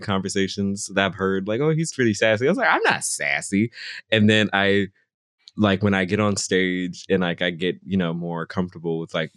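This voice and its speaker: A young singer-songwriter guest chats casually in an interview, rambling and peppering his speech with "like" and "you know." His low voice is fairly bright, clear, and resonant, captured in studio quality with no echo.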